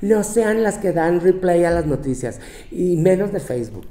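Speaking at normal speed in a high-pitched, expressive, mellow voice, a man takes on the role of a bossy young Mexican woman with a Mexican accent. In a sassy, profane comic monologue, she brashly scolds her girlfriends and mocks others in quoted voices. The room is roomy and echoey.

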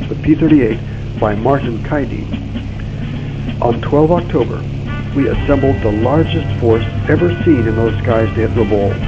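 A man delivering a scripted military mission briefing as narrator, in a grave, commanding manner. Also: medium pitch. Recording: dull lo-fi game audio under music.

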